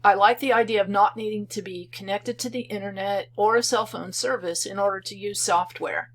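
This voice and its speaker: A woman who made a software program calmly explains it step by step in a screen-recorded tutorial. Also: medium pitch, a little fast. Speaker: software creator demonstrating her program.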